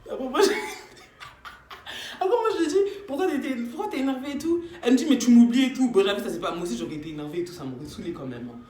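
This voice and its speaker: Young woman, lively storyteller in a roomy space with faint noise. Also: on the high side, fast. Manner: animated, slangy, acts out quotes. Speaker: vlogger. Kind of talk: casual storytime. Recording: echoey room.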